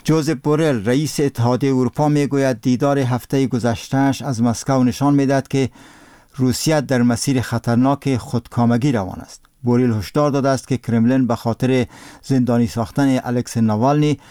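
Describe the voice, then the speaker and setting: A man with an Afghan accent reads the radio news from a script. His delivery is solemn and formal, in a dark, relaxed mid-range voice. The sound is very dry, with no room echo. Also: medium pitch, smooth. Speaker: radio newsreader.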